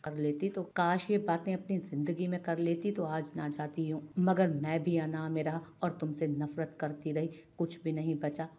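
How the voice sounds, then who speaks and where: A woman's voice: low-pitched, fairly even intonation, normal speed, few pauses, mellow, close to an everyday voice. A woman voicing a proud landowner husband who speaks in grief and remorse, sobbing as he makes promises.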